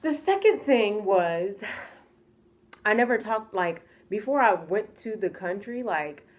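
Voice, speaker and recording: A woman's voice: mid-range voice, sing-song, takes it slowly. A woman telling a casual storytime, chatty and full of "like" fillers. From United States. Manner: chatty, full of "like" fillers, acts out quoted voices. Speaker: vlogger.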